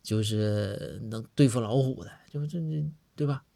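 A man's voice: mid-range voice, normal speed, vocal fry, dark tone. A man voicing an eager, timid young constable, anxious and naive.

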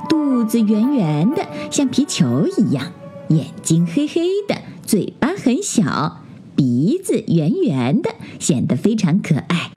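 A woman narrating a bedtime story for children in a gentle, sing-song voice. Her pitch rises and falls in lively, animated swoops, with soft music faintly behind her. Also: takes it slowly.

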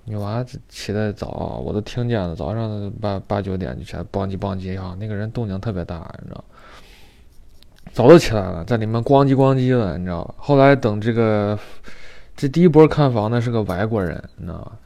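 A man's voice: fairly low pitch, fairly quick, vocal fry, mellow, no room sound. A man telling a story in a rambling, casual way, repeating words often. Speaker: vlogger.

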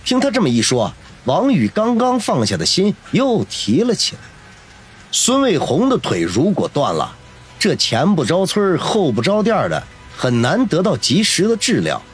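A man narrating a novel in a dramatic, expressive storytelling voice. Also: on the high side, moderate pace, breathy edge, soft background music. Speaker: audiobook narrator.

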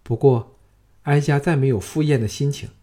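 Storybook empress dowager, cold and scornful, mellow tone , man reads her. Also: mid-range voice, moderate pace, natural voice. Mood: weary. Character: haughty angry empress dowager, middle-aged woman.

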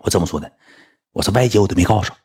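A man with a Northeastern Chinese accent telling a rambling anecdote in a casual, animated way, breaking into mocking high-pitched rants. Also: rapid-fire, husky. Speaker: storyteller.

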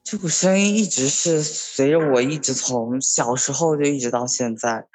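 A sixteen-year-old boy telling a personal story in a hesitant, halting way, with many fillers. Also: medium pitch, a little mellow, faint music behind. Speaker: story guest.

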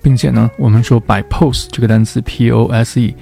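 A man teaching English pronunciation, patiently explaining each point step by step and sounding words out slowly. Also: medium pitch, fairly even intonation, gravelly, dark tone, soft background music. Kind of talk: explanatory lesson.

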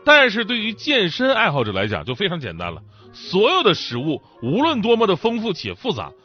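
With a high-pitched voice that swoops wildly, this man rattles briskly through a comic monologue as a stand-up talk show host. A sore mouth from an ulcer thickens his words, yet he stays chatty and jokey, laughing while he talks. Faint music sits behind the dull, lo-fi sound.

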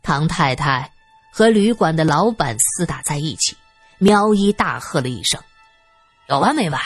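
A woman narrating a serialized story in an expressive, lively storytelling voice. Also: low voice, moderate pace, husky, dry recording, faint music behind.

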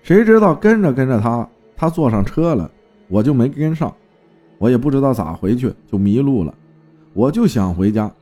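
A man voicing the lost ghost of an old woman, hoarse and tearful, speaking softly, slowly and plaintively. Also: medium pitch, sing-song, soft background music. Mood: pleading.

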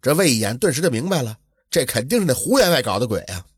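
A man narrating an old folk tale in a lively, colloquial storytelling manner. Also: mid-range voice, fast, husky, dry recording, clean studio sound.

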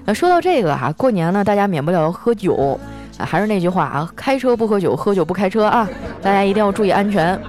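A woman's voice: mid-range voice, sing-song, fast, over music. A woman from northeast China hosting an audio show, reading listener jokes aloud in a chatty way and often laughing along. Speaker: podcast host.

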